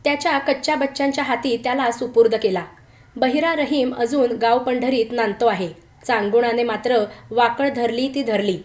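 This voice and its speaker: A woman tells a tale in a scripted, dramatic reading voice, sitting a little above the usual pitch for women. She takes her time over the quoted lines and gives them a rougher rural flavor. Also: darkish tone. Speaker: storyteller. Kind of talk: scripted story narration.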